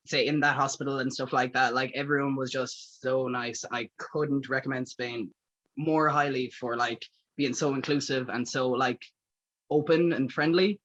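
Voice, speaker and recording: A man's voice: medium pitch, fairly bright tone, dull audio. An Irish man in his early twenties, answering as an interview guest eagerly, with lots of "like". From Ireland, Galway. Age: early 20s. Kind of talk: casual interview chat.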